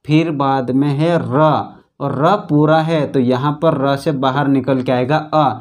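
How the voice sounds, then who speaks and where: Steady and a little mellow, this medium-pitched man teaches a grammar lesson, repeating questions to students he calls friends before answering them himself. He spells by stretching individual letters and syllables into slow, drawn-out sounds.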